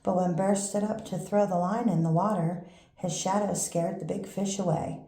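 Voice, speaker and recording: Mellow older grandmother reading a storybook. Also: lowish voice, steady tone, normal speed. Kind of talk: reading a children's picture book aloud. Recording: roomy echo with faint background noise.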